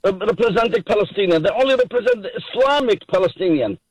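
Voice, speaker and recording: A man's voice: high-pitched, lively intonation, quick pace, no echo, poor audio. A man from Iraq, calling in to a radio show, speaking broken English with passionate emphasis and frequent repetition. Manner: impassioned, emphatic, repeats himself, broken English. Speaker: caller. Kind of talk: call-in radio talk.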